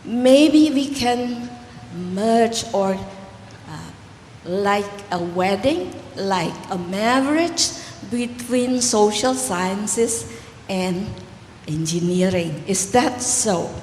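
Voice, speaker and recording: A woman's voice: mid-range voice, lively intonation, extremely slow, a little mellow. A woman putting a thoughtful question to a conference panel. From Jakarta, Indonesia. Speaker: audience member asking a question. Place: large conference hall. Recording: echoey hall with long reverb, faint room noise.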